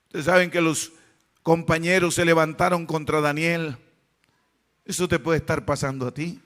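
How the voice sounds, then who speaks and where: A man preaching a sermon as pastor, swinging between fervent shouts and hushed, tender tones. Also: on the high side, steady tone, moderate pace.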